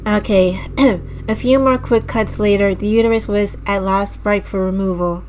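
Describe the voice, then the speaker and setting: Reading a visual novel slowly and dramatically, this slightly raspy female streamer has a mid-range, steady, darkish voice at a normal speed, often clearing her throat and redoing stumbled words. She drops disgusted, casual asides to chat, with music clearly audible behind her and slight background noise.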